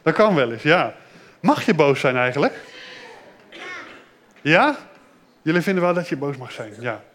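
A man giving a children's sermon in a simple, gentle way, asking the children questions and repeating their answers. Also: fairly high pitch, sing-song, moderate pace, a little hiss or hum. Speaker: children's pastor.

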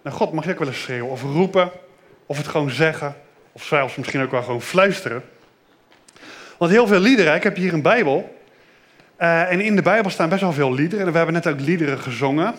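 A middle-aged man leading a children's church service, lively, asking the kids questions. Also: on the high side, fairly quick.

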